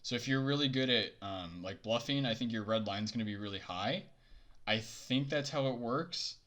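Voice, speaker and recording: A man's voice: mid-range voice, normal speed, a bit bright. A young man vlogging casually about his poker bankroll, rambling with many fillers and a little out of breath after a workout. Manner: rambling, filler-heavy, laid-back. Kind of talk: casual chat to camera.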